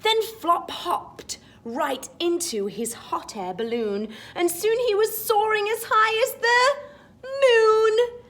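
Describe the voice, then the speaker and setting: A woman storytime teacher reading a picture book aloud to young children, expressive and sing-song, with chatty asides. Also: very high voice, slow pace, slight background noise.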